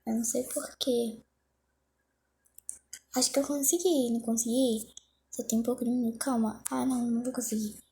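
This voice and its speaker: A woman's voice: fairly high pitch, steady tone, creaky, warm tone. Flustered young woman vlogger. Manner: flustered, hurried, self-mocking. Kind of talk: casual self-talk during a timed phone challenge.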